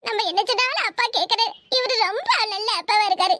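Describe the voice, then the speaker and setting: Woman voicing a shrill scheming young wife. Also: animated, sharp tone, exaggerated voice. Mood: bossy. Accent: Kanyakumari Tamil. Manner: bossy, scolding, fast chatter. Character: scheming young married woman, meddling sister-in-law. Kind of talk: cartoon voice acting.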